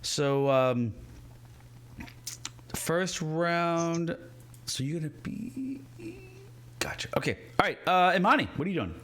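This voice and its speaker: A man's voice: a little high, big pitch swings, slow pace, long pauses, a bit bright. A man as game master, casually and playfully narrating a tabletop fantasy game. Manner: playful, informal.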